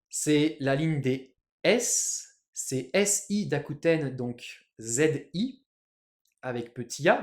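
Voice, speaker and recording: A man teaching Japanese in a casual video lesson, chatty and lively, spelling out letters. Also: a little high, roomy sound.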